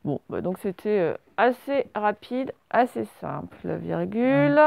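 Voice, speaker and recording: A very animated primary school teacher with a mid-range, creaky, darkish voice speaks a little slowly as she gives a dictation. She spells words letter by letter, quizzes her pupils, and praises their answers, all in a dry recording.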